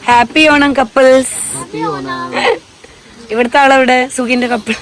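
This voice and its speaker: A woman's voice: high voice, steady tone, a little slow. A woman chats casually as she hosts a family festival vlog, dropping English words into her talk. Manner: chatty, code-mixing with English words. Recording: busy crowd chatter around the voice.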